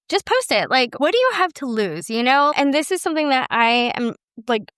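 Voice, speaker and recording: A woman's voice: on the high side, clean tone, dry recording. A woman hosting a casual solo podcast, talking candidly and animatedly into a close mic, now and then poking fun at herself. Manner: candid, animated, self-deprecating with laughs. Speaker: podcast host and business owner.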